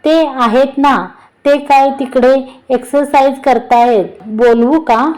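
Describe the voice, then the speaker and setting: Woman reading a young wife, scolding and earnest, high soft voice. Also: fairly even intonation, takes it slowly, low-quality recording. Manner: scolding, bewildered questions.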